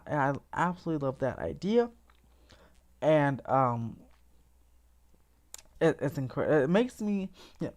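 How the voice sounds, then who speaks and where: A woman with a notably deep voice hosts a relaxed theme park livestream. She talks in an eager, rambling way, restarting her sentences and laughing softly. She sounds a little sleepy. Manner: chatty and enthusiastic, frequent restarts and small laughs. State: sleepy, yawning. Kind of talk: casual livestream chat.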